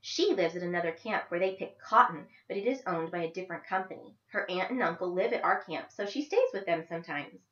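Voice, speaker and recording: A woman's voice: lowish voice, expressive, fairly quick, hardly any pauses, a bit bright, echoey room, dull audio. A woman voicing an eager, friendly young girl who chats and explains, read aloud from a book.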